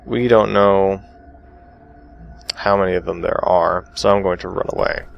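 Male let's play host, low and gravelly, reads text, reacts loudly. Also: a little slow, highs cut off, a little hiss or hum. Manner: reads game text aloud and reacts with sudden excited outbursts. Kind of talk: casual gameplay commentary.

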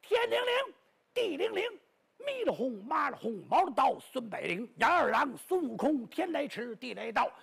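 A male storyteller voicing a boastful, cowardly bluffer who stammers and talks fast, with a raspy voice. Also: very high-pitched, very animated, a bit bright, heavily acted. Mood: mock chanting.

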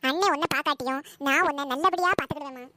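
A woman's voice: high-pitched, very fast, lightly acted. A woman playing a wheedling scheming daughter. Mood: coaxing. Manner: wheedling, pleading. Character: coaxing, scheming adult daughter. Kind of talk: comedy skit acting. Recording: noisy home recording.

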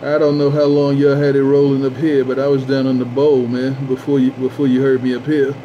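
Man, trucker CB radio chatter, repeated call-outs, dull radio tone, loud hiss. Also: mid-range voice, level tone, a little fast. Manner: repeats his call-outs, drawling sign-offs. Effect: CB radio transmission. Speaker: CB radio operator.

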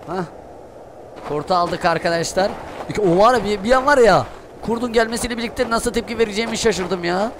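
A young man doing Let's Play commentary, excitable, cursing and shouting at the game. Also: high voice, a little fast. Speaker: gaming streamer. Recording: noisy gameplay audio behind voice. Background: game sounds and ambience.

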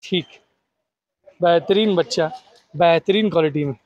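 A man hosting an outdoor goat sale, chatty and upbeat, echoing the seller's answers back in a steady patter. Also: on the high side, unhurried, highs cut off. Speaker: host of a livestock sale video. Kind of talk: casual on-location interview.

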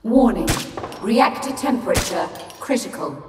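A woman voicing an automated reactor alarm system, giving flat, clipped warnings over an echoing public-address speaker. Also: mid-range voice, a little slow. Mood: urgent alarm. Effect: echoing public-address announcement. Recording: echoey hall over loud game music.

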